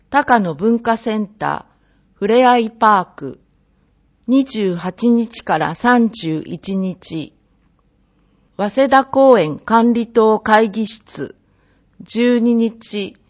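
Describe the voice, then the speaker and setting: A woman reading a public notice of facility closures in a slow, measured way, as a municipal announcer. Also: on the high side, dull audio.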